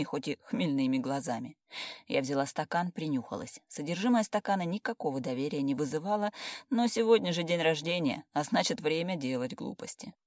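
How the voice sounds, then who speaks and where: A woman narrating a first-person audiobook with lively, wry storytelling. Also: low voice, dry recording, studio quality.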